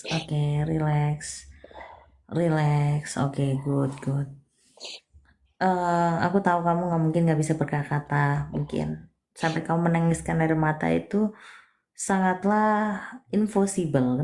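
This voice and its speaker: Low-voiced woman giving a soothing reading. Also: vocal fry. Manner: soft, coaxing, calls the listener darling; mixes English words into her talk. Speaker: palm and spiritual reader. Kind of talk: live one-on-one reading.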